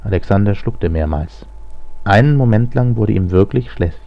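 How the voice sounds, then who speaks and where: A man reading a novel aloud as a narrator, measured storytelling that also gives voices to the characters. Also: on the low side, expressive, vocal fry. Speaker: audiobook narrator. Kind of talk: scripted narration. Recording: slightly lo-fi audio.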